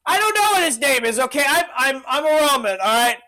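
A man's voice: very high-pitched, lively intonation, fast, bright, forceful tone, voice pushed up, heavily acted, low-quality recording. A man doing a hungover, whiny Roman governor. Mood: exasperated. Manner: whiny, rambling, flustered.

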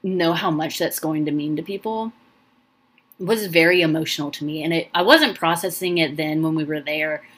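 On her solo podcast, a young woman with a low voice speaks at a moderate pace in a loose, warm ramble. Her talk is full of ums and false starts, and she sounds moved, almost crying.

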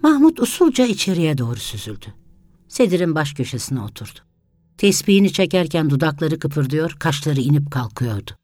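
A reader narrating a village story in a calm, even storytelling manner. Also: mid-range voice, brisk, dry recording.

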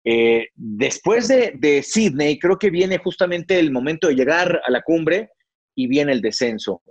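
Recalling his sportscasting career as an interview guest, a middle-aged man tells reflective stories with frequent fillers and restarts. His voice sits on the high side and is husky, expressive, and unhurried. The dry, slightly dull recording has no echo.

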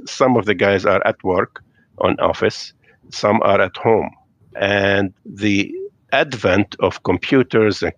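Joining a podcast remotely from his home via video call, a middle-aged man from Lebanon answers thoughtfully, with hesitations, fillers and slightly non-native phrasing. His voice is fairly low and the recording is dry.

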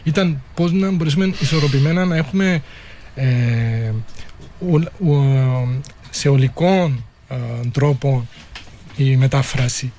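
A man of middle pitch speaks with a Cypriot Greek accent. He talks in an unscripted discussion, thinking aloud in a halting way. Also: dark tone, slight background noise.

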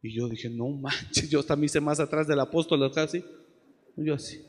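A man preaching a passionate sermon as pastor, swinging from shouts to soft asides. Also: a little high, moderate pace, big-room sound.

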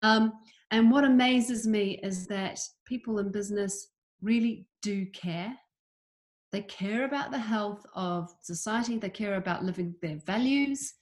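A woman's voice: medium pitch, unhurried. A woman from New Zealand, a campaigner against homelessness, answering interview questions in an earnest, emphatic way.

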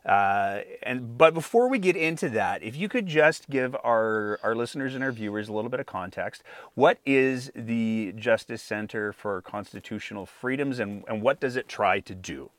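A man's voice: medium pitch, animated, normal speed, no room sound. A man hosting an interview podcast, speaking carefully with many fillers and hedges. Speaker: podcast host. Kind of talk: interview podcast, scripted intro.

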